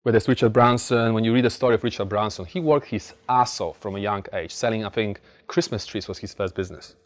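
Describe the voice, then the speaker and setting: A man's voice: on the low side, fairly even intonation, fast talker. A man from Poland with a Polish accent giving a blunt, informal motivational talk, telling stories with emphatic repetition. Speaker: motivational speaker. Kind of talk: motivational talk to a live audience.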